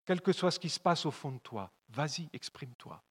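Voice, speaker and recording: A man with a Swiss French accent preaching a fervent sermon in church, repeating phrases and swinging from loud appeals to soft, low asides. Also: lively intonation, brisk, husky. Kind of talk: evangelistic sermon. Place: church hall. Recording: long hall reverb.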